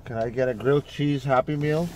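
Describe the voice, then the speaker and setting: A man in a car, ordering food at a drive-through speaker and patiently repeating the items clearly. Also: mid-range voice, fairly even intonation, a little fast, darkish tone, slight background noise, poor audio. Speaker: father in family vlog.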